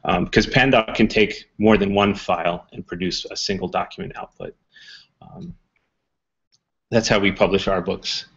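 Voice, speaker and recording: A man presenting a casual technical talk, relaxed, with many ums and uhs. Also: deep voice, normal speed, vocal fry, husky. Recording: muffled talk recording.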